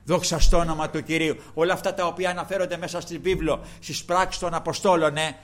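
Fervent older preacher, higher-pitched man. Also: steady tone, a bit bright. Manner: fervent, punctuates with praise refrains; addresses the flock, slow emphatic stretches. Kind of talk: sermon.

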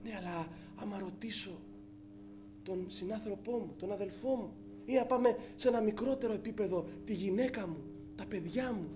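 A man's voice: high voice, background noise. A male preacher giving a fervent sermon, addressing the congregation as brothers, with frequent hesitant fillers.

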